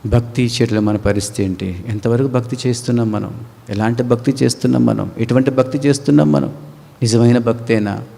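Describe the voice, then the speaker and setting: A man with a Telugu accent preaching a sermon at a youth meeting. He swings between hushed low asides and loud, high cries as he acts out pleading voices. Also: fairly even intonation, brisk, vocal fry. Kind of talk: impassioned sermon. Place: church prayer hall. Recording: long hall reverb.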